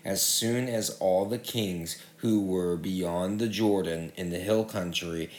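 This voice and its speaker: A man giving a measured, steady public reading of Bible passages. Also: sits low, echoey room. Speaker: scripture reader.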